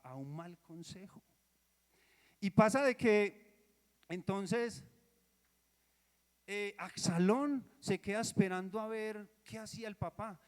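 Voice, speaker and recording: A Colombian man preaching a sermon, telling a Bible story in a lively way and dropping into soft asides. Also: high voice. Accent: Colombian Spanish. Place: church. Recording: church hall reverb. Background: long hall echo.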